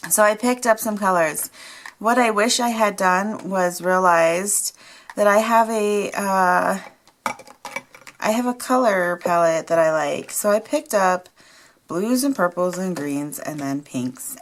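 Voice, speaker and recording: A woman's voice: on the low side, a little slow. A woman vlogging casually from her home craft desk, rambling and chatty, with a morning voice. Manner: rambling, chatty, laughs often. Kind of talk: casual chat.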